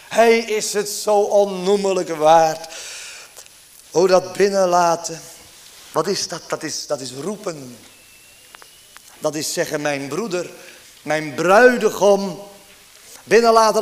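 A man preaching a fervent sermon, pleading with his listeners and asking them question after question. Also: sits high.

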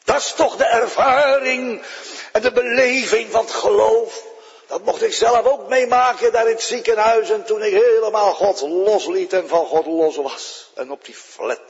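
A man preaching a sermon as pastor, swinging between loud exclamations and hushed storytelling. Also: high voice, a little slow, gravelly, husky. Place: church. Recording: dull sound, long hall reverb in a church.

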